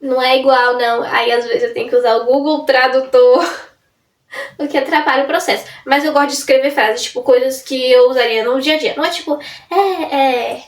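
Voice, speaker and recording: A woman's voice: sits high, steady tone, brisk. A young woman vlogging in a casual, rambling way, often breaking off and restarting her sentences. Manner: rambling, self-interrupting, chatty. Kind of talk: casual chat to camera. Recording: roomy sound from a distance off the mic.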